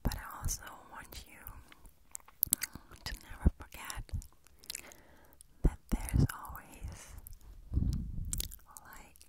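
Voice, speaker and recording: A woman whispers a gentle ASMR pep talk very close to the microphone. Her delivery is extremely slow and deliberate, with long spaces between short phrases. The affirmations come across as soothing and reassuring. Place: small carpeted room indoors. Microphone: handheld recorder held right at the lips.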